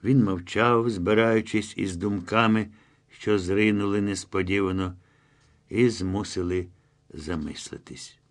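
A man narrating a novel as an audiobook in a measured, steady reading. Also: lowish voice.

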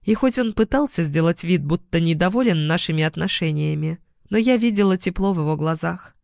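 A woman's voice: lowish voice, lively intonation, a little fast, creaky, a little mellow, no echo, studio quality. Woman narrating a first-person romance. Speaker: audiobook narrator.

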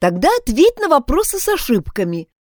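Earnest honest schoolgirl in a storybook, a woman doing her, high lively voice, dry sound. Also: a little fast, no echo. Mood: urging. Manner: reproachful, urging.

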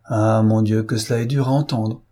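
A man's voice: fairly low pitch, steady tone, moderate pace, dark tone, lightly acted. A man reading an audiobook, voicing an earnest, proud young upper-class woman who speaks with heartfelt, emphatic pleading. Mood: impassioned.

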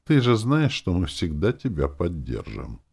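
A man voicing a firm, gently reproving mother. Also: low-pitched, wildly swooping pitch, unhurried, gravelly, breathy edge, pitched above the performer's own voice, heavily acted. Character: middle-aged mother, strict yet soothing.

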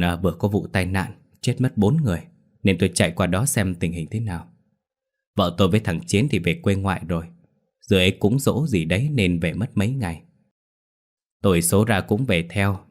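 A man doing an older village man in an audio ghost story, speaking in a deep, low voice. He is calm and a little evasive and keeps an unhurried, plain way of talking. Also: lightly acted.

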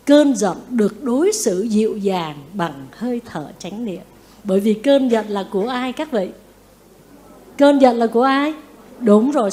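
A woman, a Buddhist nun, giving a sermon who keeps asking the audience questions and repeating phrases for emphasis. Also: on the high side. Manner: lively, asks the audience questions and answers them.

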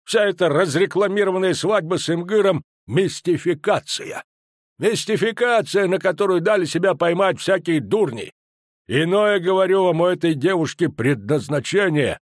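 A man's voice: sits high, animated, normal speed, no room sound, studio quality, voice pushed up. Man doing an emphatic old dwarf veteran. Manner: emphatic, lecturing.

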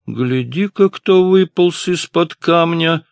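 A man voicing a big, loud, mocking man who taunts others in an audiobook. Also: lowish voice, sing-song, measured pace, dry recording, pitched above the performer's own voice, heavily acted. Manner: jeering, raised voice.

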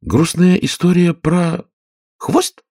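A man's voice: sits high, fairly even intonation, takes it slowly, a little mellow, dry recording, studio quality, voice pushed up, exaggerated voice. A man playing a polite curious young girl. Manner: polite, eager, rising questions.

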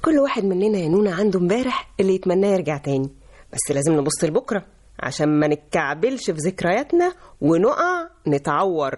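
An actress playing a gentle, reflective young woman friend with an Egyptian accent in a radio drama. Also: fairly low pitch, sing-song, fast, breathy edge. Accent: Egyptian Arabic. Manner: soothing, reflective.

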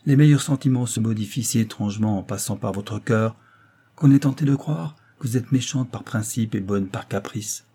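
A man reading aloud voices a stern doctor, speaking with grave, calm authority. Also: fairly low pitch, normal speed, husky. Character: stern calm male doctor, family friend.

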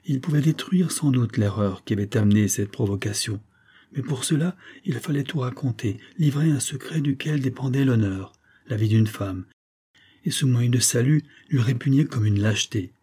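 A man reading a classic novella aloud in a measured, dramatic style. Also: medium pitch, warm tone, husky. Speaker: audiobook reader. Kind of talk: scripted narration of a classic novella.

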